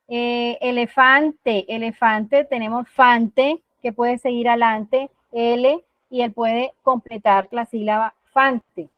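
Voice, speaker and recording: Patient woman therapist, slightly higher voice, dull lo-fi recording. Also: no room sound. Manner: patient, teacherly, models words slowly for children. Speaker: speech therapist. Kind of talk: explanatory talk on language therapy.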